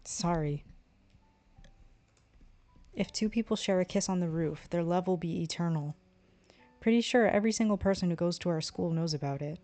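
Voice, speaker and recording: Lower-voiced woman reading a visual novel. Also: a little fast, dark tone. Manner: reads the narration and the player's lines, stumbling at times. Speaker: streamer.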